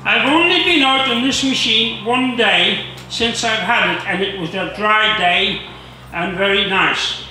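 A jovial, high-voiced man in his sixties, a guest reader, reads aloud haltingly to a seated audience in a large marquee tent, adding humorous asides. He uses a handheld mic through speakers, filmed from the audience, and the PA is very echoey in the tent with noisy background.

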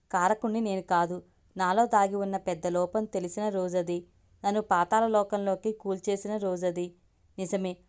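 A woman's voice: medium pitch, a little mellow, smooth. A woman reading a story aloud as the channel's storyteller, narrating steadily in the first person.

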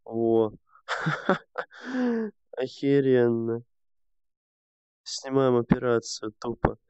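Grumbling young man, gravelly voice. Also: mid-range voice, flat delivery, moderate pace, mellow, dry recording. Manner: grumbling, swearing, talking to himself. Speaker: streamer. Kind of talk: casual gameplay commentary. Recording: dull lo-fi sound.

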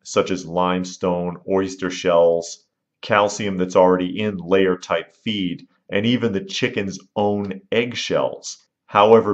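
A man with a very low voice narrates a scripted how-to video in a measured, instructive manner, now and then slipping in a dry aside. The recording sounds dull and lo-fi, with the top end rolled off. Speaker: channel host giving homesteading tips.

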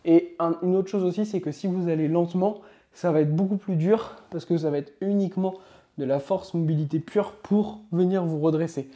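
A man's voice: high-pitched, warm tone. Upbeat man coaching yoga. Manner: upbeat, coaching, counts slowly while demonstrating. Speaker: yoga instructor. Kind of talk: instructional demonstration.

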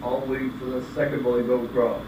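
A man narrating fairy tales as an amateur puppeteer, halting and repeating words. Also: mid-range voice. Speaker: puppeteer storyteller. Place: indoor room, puppets behind a couch. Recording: echoey room, distant mic, steady hiss.

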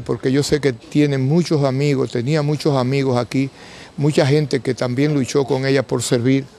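A Dominican man in his seventies speaking in quiet grief, restrained and halting, in an interview into a handheld microphone. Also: medium pitch, slight background noise. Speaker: bereaved father giving a press statement. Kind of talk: on-camera interview. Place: covered entrance outside a building.

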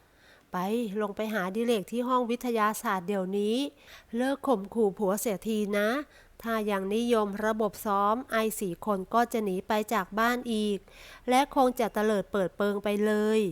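A woman voicing a stern old nobleman who lectures his grown daughter, using a slightly lower, deliberate delivery. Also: fairly even intonation, close to an everyday voice.

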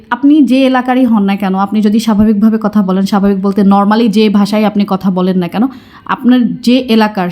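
A woman in her thirties from Bangladesh, a family vlogger calmly explaining herself to her viewers in casual talk. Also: medium pitch. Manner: calm, explanatory, addressing viewers directly.

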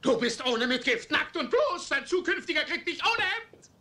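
A man dubbing a hot-tempered, middle-aged rich father in a German film, ranting in shrill, theatrical outbursts. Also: sing-song, normal speed, over loud music. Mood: raving. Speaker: dubbed film actor.

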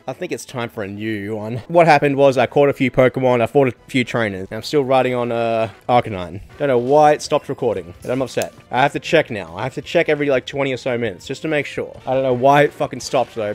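A man giving casual, profane let's-play commentary as a gaming channel host, swinging to loud excited outbursts. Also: medium pitch.

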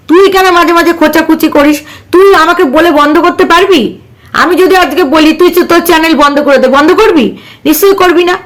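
A woman's voice: sits high, a bit bright. A woman vlogger talking casually to her viewers, scolding and mocking a rival in a sarcastic, direct way. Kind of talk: casual ranting vlog.

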